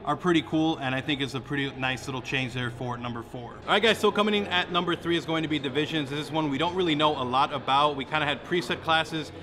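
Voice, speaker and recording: A young man giving a casual, rambling gaming commentary full of fillers. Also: fairly high pitch. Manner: loose, rambling with many fillers. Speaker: gaming YouTuber. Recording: music playing behind.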